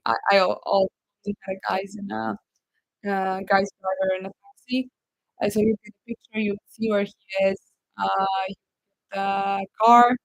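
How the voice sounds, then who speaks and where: Woman, casual live chat, rambling and chatty, some vocal fry, dry sound. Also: mid-range voice, no room sound, rough recording. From Poland. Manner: rambling, chatty, reads viewer comments aloud. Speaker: livestream host.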